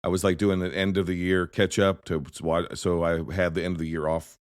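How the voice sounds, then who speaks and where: Deep-voiced man rambling about movies. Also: a little fast, no echo, clean studio sound. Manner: rambling, self-interrupting, animated storytelling. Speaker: podcast host. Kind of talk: casual movie chat.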